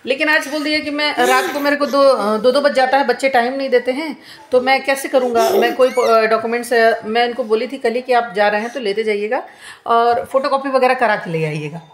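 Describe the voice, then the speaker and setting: A woman's voice: fairly high pitch, brisk, echoey room, slight background noise. A woman in her thirties venting to camera at home, complaining in an aggrieved, repetitive way. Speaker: vlogger.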